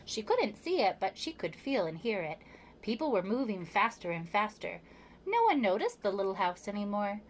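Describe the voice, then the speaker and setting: In a medium-pitched voice, a woman reads a children's picture book aloud the way a preschool storyteller would: measured, expressive, and punctuated by emphatic pauses. Slight hiss or hum runs underneath.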